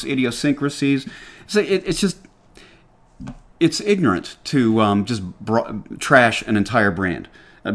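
A middle-aged man with a Southern lilt hosts a casual trade radio show. His voice sits at an ordinary pitch. He talks emphatically and lectures his listeners, often restarting sentences mid-thought. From Atlanta, Georgia, US. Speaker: podcast host.

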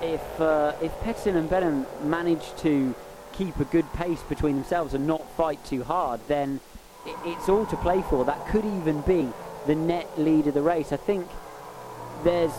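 A man's voice: a little high, moderate pace. A man giving conversational live motorsport commentary and analysis on a race. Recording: loud engine noise behind.

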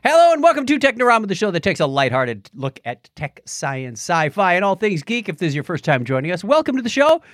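An American podcast co-host shifts between a scripted show opening and casual banter, lighthearted and jokey throughout. His high voice swoops wildly in pitch, brisk and fairly bright with few pauses, and there's no room sound.

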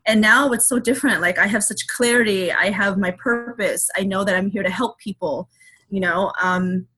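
Open and reflective, this interview guest of Filipino heritage talks candidly, often restarting and using lots of fillers. She has a mid-range voice that is a bit bright and slightly rough.

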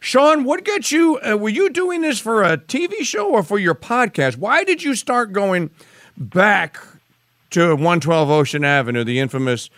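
A man hosting a podcast interview, speaking haltingly with many fillers. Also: very high voice, big pitch swings, a bit bright, no room sound, studio quality. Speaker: podcast host.

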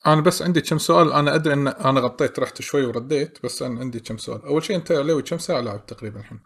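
Fast-talking Gulf Arabic male host. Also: medium pitch, creaky, husky. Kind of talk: casual interview chat.

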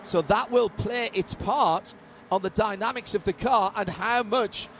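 High-pitched male motorsport commentator over engine noise. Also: unhurried. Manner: vivid play-by-play with wry humour. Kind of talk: live motorsport race commentary. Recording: trackside broadcast with loud engine noise. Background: racing cars and trackside ambience.

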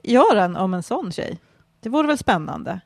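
A woman's voice: mid-range voice, sing-song, vocal fry, dry recording. A young woman chatting casually on a podcast, blunt and swearing, dropping English phrases into her talk. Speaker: podcast co-host or guest.

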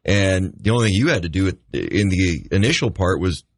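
A man's voice: sits low, lively intonation, fairly quick, slightly rough, no echo, studio quality. Joking male radio host. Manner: joking, rambling, trails off mid-sentence. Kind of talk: casual on-air chat.

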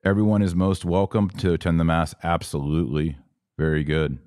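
In an informal live Q&A on religious topics, a male podcast host explains things to viewers, posing rhetorical questions and then answering them himself. He speaks fairly quickly in a low, flat, slightly mellow voice. The studio sound is clean and free of room echo.

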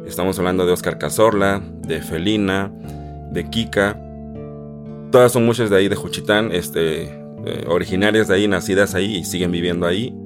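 A young man with a Mexican Spanish accent tells his life story in a chatty, animated way, acting out other people in a high voice. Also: moderate pace. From Isthmus of Tehuantepec, Mexico. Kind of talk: personal storytelling. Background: guitar music.

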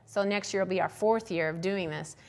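A woman guest in a casual interview, talking about her art and teaching, chatty and laughing often, slowing down to stress a point. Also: mid-range voice, a little mellow. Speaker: guest sculptor and instructor.

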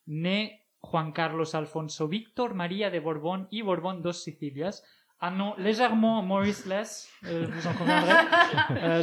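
Male columnist, fairly high voice, ironic scripted comedy chronicle. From Spain. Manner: ironic, joking, reads with asides and laughs. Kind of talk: humorous radio chronicle read from a script. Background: other panelists laughing.

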